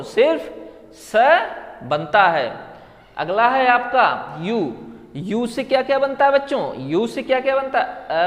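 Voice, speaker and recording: High-voiced man teaching slowly in an echoing room. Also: fairly bright tone. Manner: drills students with repeated questions and answers. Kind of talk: classroom lesson on English letter sounds. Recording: long reverb, hall-like room.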